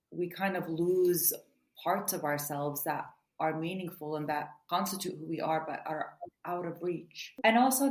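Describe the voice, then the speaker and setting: A woman author answering interview questions in an earnest, quick way, often saying "you know". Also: low-pitched, a little mellow. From United States. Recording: roomy echo.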